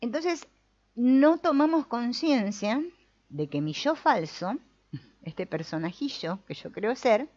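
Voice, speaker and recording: A woman with a fairly high voice speaks slowly in a spiritual talk about the mind. She's lively and acts out inner voices, and the recording has a slightly dull, lo-fi sound.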